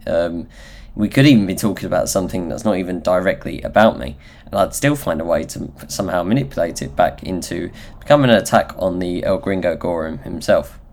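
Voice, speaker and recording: Low-pitched nasal Essex man. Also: brisk, darkish tone. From Essex, England. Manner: candid, self-deprecating, sweary. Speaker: podcast host. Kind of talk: solo motivational podcast talk, informal.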